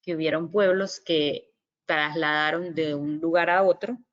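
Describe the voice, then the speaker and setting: A woman's voice: low voice, fairly even intonation, a little slow. A woman giving a virtual lecture on Mandarin basics, explaining patiently with frequent fillers and sounding out example syllables. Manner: models tones by sounding syllables. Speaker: Mandarin language presenter. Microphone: computer microphone on a video call. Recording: slightly dull lo-fi audio.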